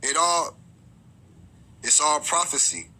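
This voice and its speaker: A man teaching scripture informally, reading verses aloud slowly and often stumbling and repeating his words. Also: on the high side, pushed and bright, low-quality recording.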